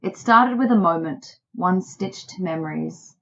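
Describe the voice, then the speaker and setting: A woman from Australia, a poet, speaking thoughtfully in a quiet bedroom and reading her poems. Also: lowish voice, measured pace, gravelly, lo-fi sound. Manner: thoughtful, musing. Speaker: poet guest. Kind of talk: reflective conversation and poetry reading.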